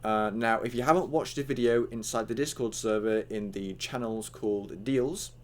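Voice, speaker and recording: A man's voice: mid-range voice, moderate pace, a little hiss or hum. A young man with hiccups giving a casual, rambling online tutorial, full of fillers and acted-out chat lines.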